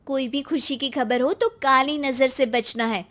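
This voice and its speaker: A woman voicing an earnest, trusting young wife in an animated story, quick to protest. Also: sits high, pitched above the performer's own voice.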